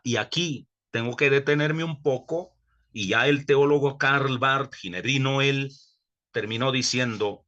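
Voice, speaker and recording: A middle-aged man lectures on theology with a bright, forceful tone at an ordinary pitch for a man. He is earnest and emphatic and drags out key words for stress. Now and then he stops to correct himself. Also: lo-fi sound. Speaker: theology professor. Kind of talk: recorded online lecture.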